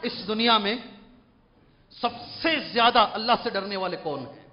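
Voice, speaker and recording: This is a man with a very high voice, giving a Quran commentary lecture as a scholar in a large mosque hall. He speaks emphatically and keeps asking his listeners questions. The sound is dull and lo-fi, and a long reverb trails after each phrase. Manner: emphatic, asks the audience questions. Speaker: Islamic scholar.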